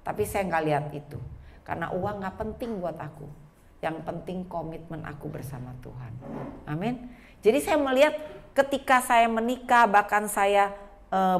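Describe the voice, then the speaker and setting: A woman in her forties preaching a sermon with personal testimony in a lively way, speaking straight to the congregation. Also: medium pitch. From Indonesia. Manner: lively, addresses the congregation directly. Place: church.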